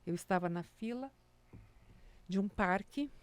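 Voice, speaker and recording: Mulher contadora animada, voz limpa e seca. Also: female voice, medium pitch, unhurried, clear, resonant tone, dry recording. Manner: animated storyteller acting out quotes, many "né?" tags. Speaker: music teacher for small children, podcast guest. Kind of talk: casual storytelling chat.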